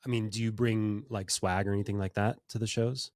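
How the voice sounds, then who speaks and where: A man's voice: on the low side, steady tone, a little fast, darkish tone, dry recording, studio quality. A man hosting a podcast interview in a casual, rambling way, full of fillers and restarts. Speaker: podcast host.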